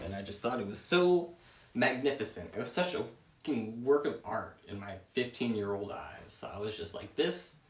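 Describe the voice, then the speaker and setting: Man in his thirties, low-voiced deadpan streamer, sardonic and rambling, roomy echo with the mic set back. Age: 30s. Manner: sardonic, deadpan, self-mocking. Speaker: livestreamer. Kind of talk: casual rambling livestream chat. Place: room at home. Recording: roomy sound, mic at a distance.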